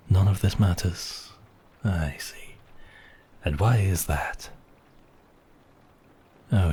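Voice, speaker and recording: In an intimate ASMR roleplay, a man plays a suave, obsessive vampire count who mocks the listener with silky, teasing, drawn-out phrasing and a sardonic mood. His voice is extremely low and dark, with a slight hiss or hum.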